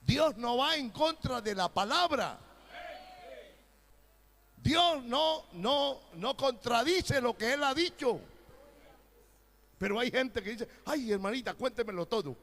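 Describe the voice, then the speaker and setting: Un pastor predicando un sermón con énfasis, alternando pasajes pausados con arrebatos fuertes e imitaciones burlonas. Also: male voice, very high voice, lively intonation. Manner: emphatic preaching with sudden loud outbursts and mocking quoted voices. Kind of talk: sermon.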